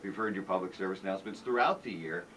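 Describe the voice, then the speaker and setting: A lower-voiced man working as a morning radio DJ, bantering and a bit halting as he chats casually. He sits away from the mic, with faint noise behind him. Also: a bit bright, recorded from a distance. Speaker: morning rock radio DJ and interviewer. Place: radio studio.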